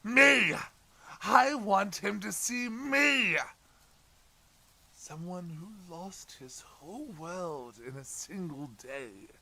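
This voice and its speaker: A man playing the Joker as an unhinged, anguished and menacing clown villain in an audio drama, theatrical, swinging between hushed brooding and shouting. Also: high voice, lively intonation, extremely slow, vocal fry, exaggerated voice. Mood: brooding, manic.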